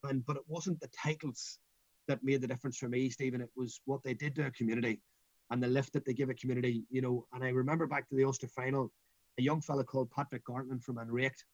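A man's voice: mid-range voice, fairly even intonation, fast talker, a little mellow, dry recording, muffled recording. A middle-aged man with a Northern Irish accent, talking anecdotally in an interview as a coach, emphatic and given to repeating his phrases. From Northern Ireland. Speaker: school football coach.

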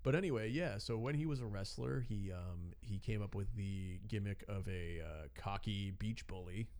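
A man in his thirties chats casually, telling a story with a slightly low voice. He laughs often and drops into put-on voices when he quotes someone. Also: normal speed, a little mellow. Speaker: podcast co-host telling a wrestling story. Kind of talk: casual chat.

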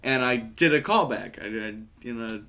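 A man's voice: medium pitch, expressive, normal speed, pushed and bright. Rambling young man chatting on a podcast. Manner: rambling, restarts often, upbeat. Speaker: podcast guest, comic and musician. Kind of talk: casual conversation.

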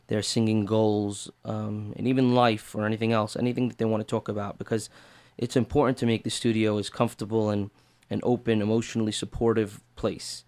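Low flat-voiced man explaining. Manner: earnest, explaining step by step. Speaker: voice teacher. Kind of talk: interview answers.

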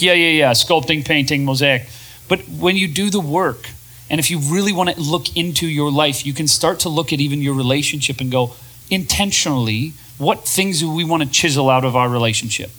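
A man co-hosting a talk show, speaking in a casual, animated way to a room of listeners and slipping into quoted voices. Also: fairly high pitch, rough recording. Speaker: podcast co-host. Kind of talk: casual talk to a live audience. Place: room with an audience.

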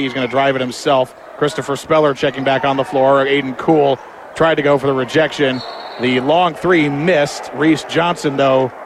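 A man commentates live on a basketball game, play by play. His voice sits at an average male pitch. The noise of the gym, with a bouncing ball, is clearly heard behind him.

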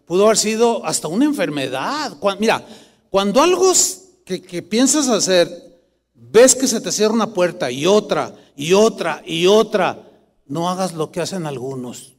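A middle-aged man preaching a sermon as pastor, animated and rising to emphatic bursts. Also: high-pitched, moderate pace. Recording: long church reverb.

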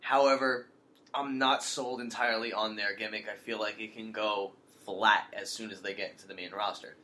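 A man co-hosting a casual podcast, his voice bright and forward. He trades opinions with the panel and drops playful, mock-outraged asides along the way. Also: on the low side, fairly even intonation, moderate pace. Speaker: podcast co-host.

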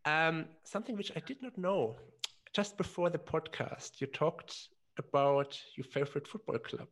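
A male podcast host asks his questions slowly and hesitantly, with lots of fillers and restarts. His voice is gravelly with a lot of fry and sits somewhat high for a man. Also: lively intonation, a bit bright. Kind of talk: podcast interview.

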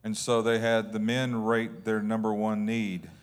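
A male pastor preaching with humor in short phrases, pausing for an interpreter. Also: on the low side, monotone. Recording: long reverb of a large hall.

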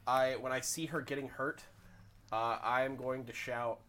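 A man's voice: mid-range voice, flat delivery, moderate pace, a bit bright. A man chatting casually as a player in a tabletop role-playing game.

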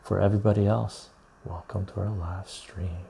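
A man hosting a casual live stream into a clip-on lapel mic, chatting to viewers in a chill, husky, gravelly voice. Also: sits low, level tone, background noise. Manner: chill, unhurried talk addressed to viewers. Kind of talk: casual livestream chat.

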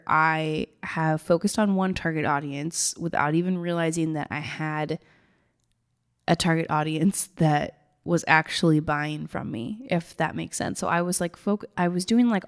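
A woman with a gravelly, tired morning voice, talking informally and ramblingly to listeners like a business coach. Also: low voice. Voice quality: gravelly, raspy. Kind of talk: casual solo talk to listeners.

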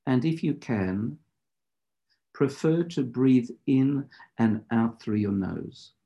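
A man teaching meditation in deliberate, measured phrases, in the instructive style of a spiritual lecture and guided practice. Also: mid-range voice, lively intonation, creaky, mellow, highs cut off.

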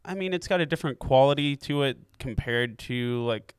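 A man's voice: medium pitch, normal speed, clean tone, dry recording, studio quality. Laid-back man chatting about gear. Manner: relaxed, rambling, laughs easily. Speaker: co-host. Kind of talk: casual chat about camera deals.

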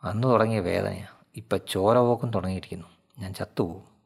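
Picture a frightened, grieving woman who speaks haltingly, each sentence pushed out with effort, as a male narrator puts her on. The tone stays fairly low and plain. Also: vocal fry, slightly rough. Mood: shaken. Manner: halting, shaken testimony. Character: grieving middle-aged woman, a frightened sex worker.

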